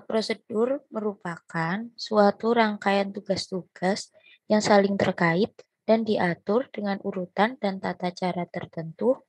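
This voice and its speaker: A woman student answering a teacher in an online class, her voice hesitant and halting as the video call audio keeps breaking up. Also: mid-range voice, darkish tone, no room sound, poor audio. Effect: choppy, breaking-up video call audio.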